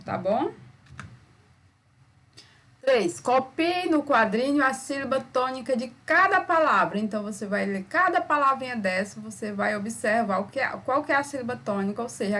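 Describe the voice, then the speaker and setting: A Brazilian woman teaching a recorded school lesson, patient and repetitive, sounding words out slowly and checking in with "tá ok?" after each step. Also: fairly high pitch, a bit bright. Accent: Brazilian Portuguese.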